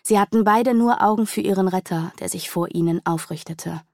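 A woman's voice: medium pitch, fairly quick, darkish tone, dry recording, clean studio sound. A woman reading a fantasy novel aloud in a dramatic, vivid storytelling manner. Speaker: audiobook narrator. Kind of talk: scripted fantasy narration.

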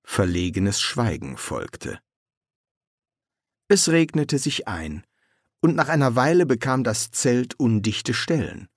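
Brief: man narrating a story, unhurried, animated, dry studio. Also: medium pitch, no room sound. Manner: expressive, slow reading. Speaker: audiobook narrator. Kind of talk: audiobook narration with acted voices.

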